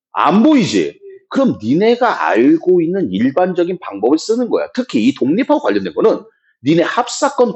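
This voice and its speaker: A man teaching math to students, speaking bluntly and roughly, swinging between loud emphasis and low muttered asides. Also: dull audio. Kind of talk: classroom lecture.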